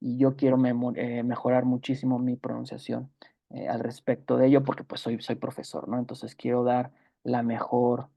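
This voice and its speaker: Gravelly man teaching English. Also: mid-range voice, monotone, dark tone. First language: Spanish. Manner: explains patiently, repeats example words slowly; many fillers and self-corrections. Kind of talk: online grammar lesson.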